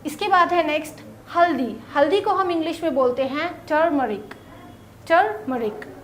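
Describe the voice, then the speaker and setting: A woman teaching vocabulary in a casual lesson, saying each word and then repeating it slowly for pronunciation. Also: high voice, fairly bright tone, slight background noise. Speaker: English teacher.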